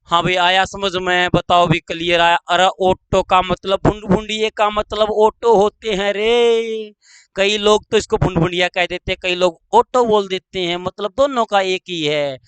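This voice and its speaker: Slow, high-voiced teacher. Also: male voice, fairly even intonation, a bit bright, clear, resonant tone, no room sound, rough recording. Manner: slow, drawn-out, repeats phrases and asks pupils questions. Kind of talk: online grammar lesson.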